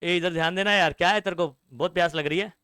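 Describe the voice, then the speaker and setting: A man's voice: high voice, fast, pushed and bright, clean tone, dry recording. A young man teaching a classroom science lecture, mixing English terms into his talk and constantly quizzing students with call-and-response questions. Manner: mixes Hindi with English terms, scolds students.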